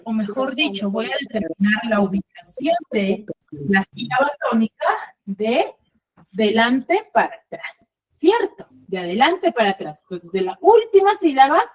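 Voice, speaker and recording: A woman teacher speaks over a video call, her fairly high voice rising and falling a great deal. She keeps checking in with short questions as she leads the online lesson. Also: slightly rough.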